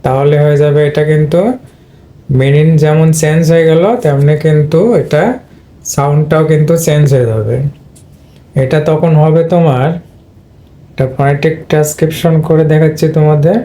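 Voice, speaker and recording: A man's voice: fairly high pitch, fairly even intonation, normal speed, long pauses, dark tone. A man teaching English pronunciation in an explanatory lesson, repeating points and talking straight to his students. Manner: repeats and addresses students directly.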